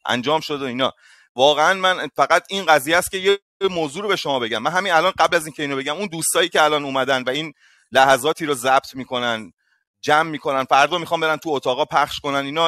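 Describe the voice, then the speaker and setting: A man hosting an online voice room, speaking in a measured, apologetic, placating way. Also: on the high side, bright, forceful tone, no room sound, studio quality. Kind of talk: calm conciliatory talk.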